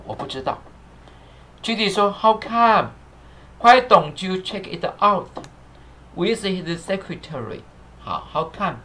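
The speaker is a man with a high, somewhat bright voice teaching English over a live stream. He repeats every phrase, spells words letter by letter, uses lots of fillers, thanks viewers, and asks the crew to fix captions.

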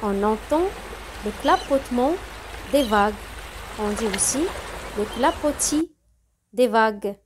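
Slow, high-voiced woman teaching reading. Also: lively intonation, background noise. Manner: spells out letters and repeats words for learners. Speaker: French teacher. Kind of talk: slow, careful reading and explanation lesson.

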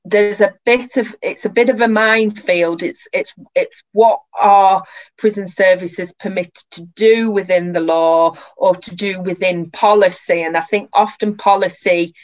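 A woman's voice: mid-range voice, steady tone, measured pace, rough recording. A woman in her forties answering reflectively and hesitantly as a researcher on a video-call panel. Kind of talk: thoughtful webinar answer. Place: room at home, indoors. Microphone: computer microphone on video call.

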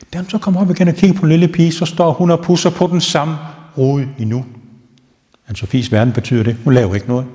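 A male castle tour guide telling ghost stories to visitors as a lively storyteller who builds suspense. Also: on the high side. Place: castle rooms and wine cellar, indoors. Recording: long reverb in a stone castle room.

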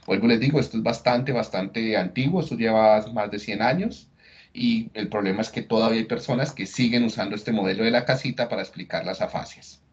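A man's voice: fairly low pitch, a little fast. A man giving a lecture on slides, talking conversationally and often checking in with tag questions. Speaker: neuroscience lecturer. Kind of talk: recorded lecture explaining slides. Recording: dull lo-fi recording.

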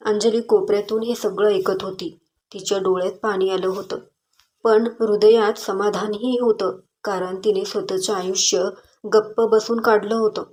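Calm woman reading a moral story. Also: medium pitch, normal speed. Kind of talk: scripted story narration.

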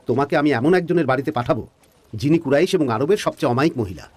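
Dub casting: a friendly trader, husky, fast. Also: male voice, on the high side, dry recording. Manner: friendly, relaxed. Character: traveling male trader, pleased and friendly. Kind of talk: dubbed drama dialogue.

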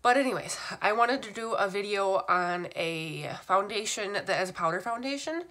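Congested from a cold, this woman in her thirties walks viewers through a makeup tutorial from a small room at home, chatting easily as a beauty vlogger. Her medium-pitched voice is animated and sharp-toned, at a moderate pace.

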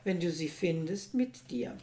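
A woman reading the part of a composed king who answers in calm, formal speech. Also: on the low side, a little slow. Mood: measured. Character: composed male king, measured and dignified. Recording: echoey room.

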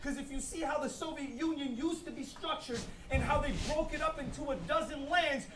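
A man's voice: very high-pitched, a little fast. A man performing a live battle rap, delivering taunting punchlines with laughing asides. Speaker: battle rapper. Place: live battle event before a crowd. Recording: crowd noise from a live event.

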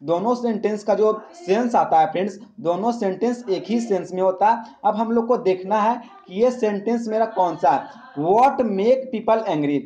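Mellow-voiced man teaching grammar. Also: sits high, moderate pace. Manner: repeats questions to the class, then answers them; calls listeners "friends" often. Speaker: English teacher. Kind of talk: exam-prep grammar lesson.

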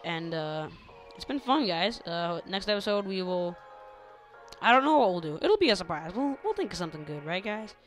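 Bright, chatty young gamer guy. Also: high-pitched, big pitch swings, normal speed, soft background music. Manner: chatty, goofy, talks to viewers often. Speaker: gaming channel host. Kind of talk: casual gameplay commentary.

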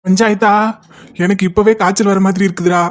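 A man's voice: sits high, flat delivery, natural voice. A man voicing a jittery young cartoon buddy. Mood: anxious. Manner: fretful, fast complaining. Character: anxious young male friend, easily panicked. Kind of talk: cartoon voice acting.

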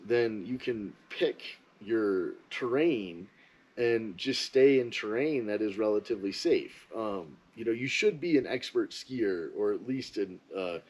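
A man talks in a loose, rambling way and freely shares his opinions in a casual vlog. His voice sits on the low side, with a husky, slightly breathy grain. He sounds like someone chatting straight to his viewers. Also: animated, unhurried, darkish tone, lo-fi sound. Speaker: ski vlogger. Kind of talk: casual monologue.

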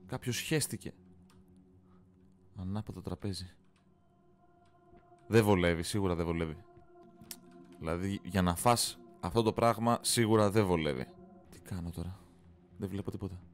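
A man's voice: sits low, steady tone, long pauses, a little hiss or hum. A man hosting a horror game let's play, commenting casually, swearing often and yelping when startled. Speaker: gaming channel host.

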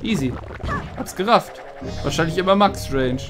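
A man gives relaxed let's play commentary in a joking, slangy way, now and then swearing at the game. His pitch jumps around a lot, and clear game music plays behind him. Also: normal speed. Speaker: let's player. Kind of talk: casual gameplay commentary.

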